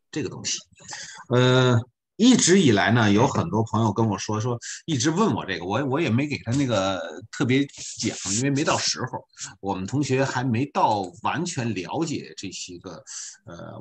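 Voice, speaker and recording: A man teaching an online beginner class, explaining slowly and patiently with many filler particles. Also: mid-range voice. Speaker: volunteer French teacher.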